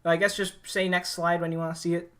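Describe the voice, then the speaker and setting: A livestream host in casual hosting mode rambles through technical setup, full of fillers, before launching an improv game. The voice is mid-range and fairly bright, with a flat delivery at a fast pace.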